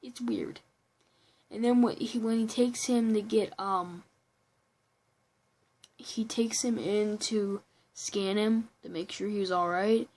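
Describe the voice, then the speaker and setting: A woman's voice: mid-range voice, steady tone, slow, long pauses, darkish tone, low-quality recording. A woman giving a casual, rambling movie review at home, often restarting sentences and breaking into giggly asides. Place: room at home with a computer behind her.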